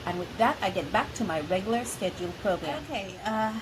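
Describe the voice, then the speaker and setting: A woman hosts a casual art vlog from home, with rain and faint ambient noise behind her. Her voice sits at a medium pitch and sounds a little sniffly. She chats informally and pauses to think aloud. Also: animated. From Belize. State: sniffly from allergies. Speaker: art channel host. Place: at home near a highway, rain on the house. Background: rain, outdoor ambience.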